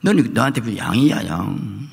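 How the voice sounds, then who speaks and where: A male pastor preaching a sermon at a prayer meeting, dropping to quiet asides and rising to loud fervent cries as he acts out prayers. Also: fairly low pitch, lively intonation, normal speed, creaky, slightly rough. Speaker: senior pastor. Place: church sanctuary. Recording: long hall reverb.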